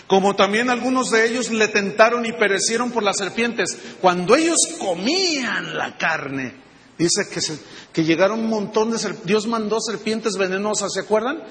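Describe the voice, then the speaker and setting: A pastor preaching a sermon to his congregation, animated and full of rhetorical questions. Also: high voice, unhurried. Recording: long reverb of a large hall.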